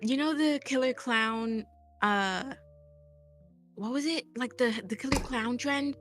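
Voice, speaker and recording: A woman's voice: a little high, slow, soft background music. A young adult woman chatting casually with friends, telling a story with many "like"s and "um"s. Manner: animated storytelling with many fillers. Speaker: guest. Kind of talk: casual group chat.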